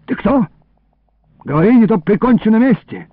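A man voicing a gruff old orchard keeper who barks threats at thieves, on a tinny radio recording. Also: medium pitch, lively intonation, normal speed, no echo, close to an everyday voice. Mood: threatening. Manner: barking threats.

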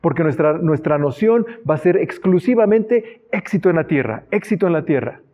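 A man's voice: a little high, lively intonation, moderate pace. A man preaching a sermon earnestly, reading Bible passages aloud and adding asides. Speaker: pastor. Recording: dull lo-fi sound.

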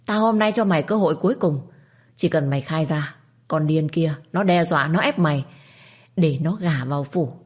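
Woman narrator voicing a harsh domineering old mistress. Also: sits low. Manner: threatening, commanding.

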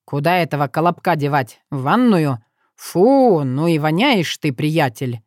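A woman's voice: deep voice, lively intonation, measured pace, darkish tone, dry recording, studio quality. A woman reading a storybook, voicing a sly, self-satisfied male fox who teases. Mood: teasing.

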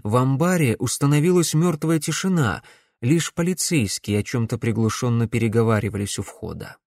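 A man giving an even, steady audiobook narration. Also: medium pitch, moderate pace, dry recording, clean studio sound. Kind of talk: scripted narration.

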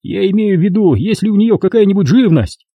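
A man reading an audiobook, voicing a fat, greedy, pompous middle-aged notary with a shrill, squealing manner. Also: lively intonation, brisk, dry recording, highs cut off. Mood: condescending, greedy. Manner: condescending and grasping.

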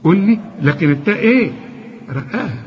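Egyptian guy teaching quran recitation, high voice, muffled lo-fi sound, corrects the student and drags words out slow. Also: lively intonation, a little hiss or hum. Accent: Egyptian Arabic. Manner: corrects a student, models verses slowly and chides mildly. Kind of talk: one-on-one recitation lesson. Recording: dull lo-fi recording with long reverb.

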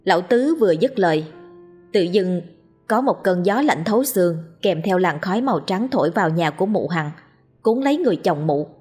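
A woman's voice: fairly low pitch, animated, normal speed, a little mellow, slightly rough, soft background music. A woman narrating a ghost story in a scripted, storytelling way.

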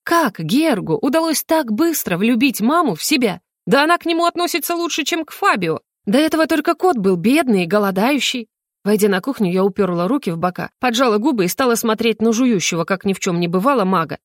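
A woman narrating a first-person audiobook in a lively, expressive, exasperated way. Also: fairly high pitch, a little fast, no room sound, clean studio sound.

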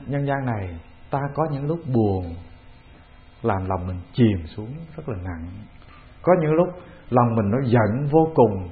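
A man with a Vietnamese accent, a Buddhist monk giving a calm, measured dharma talk, often putting questions to the assembly. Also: mid-range voice. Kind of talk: sermon. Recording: tinny phone-like lo-fi recording.

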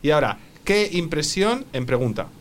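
A man's voice: on the high side, big pitch swings, moderate pace, slight background noise. A man teaching English on the radio, patiently repeating phrases for a learner. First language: Spanish.

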